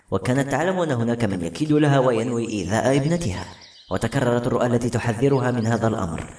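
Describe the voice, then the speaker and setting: A man's voice: mid-range voice, darkish tone, lightly acted. A man voicing a clever young hero who speaks firmly and confidently, recorded with a roomy echo.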